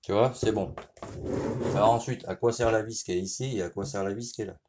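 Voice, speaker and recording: A man's voice: lowish voice, steady tone, noisy background. A man with a French accent gives a casual hands-on repair tutorial, talking directly to the viewer and often checking in with "you see" while he works. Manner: informal, speaks directly to the viewer, frequent "tu vois"; explains while working, with pauses and restarts. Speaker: motorcycle mechanic.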